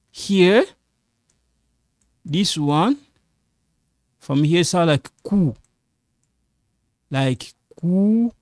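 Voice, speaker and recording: Speaking English as a non-native, a middle-aged French teacher patiently and repetitively walks through a classroom-style language lesson with slow explanations. His voice is medium-pitched, in clean studio sound with no echo.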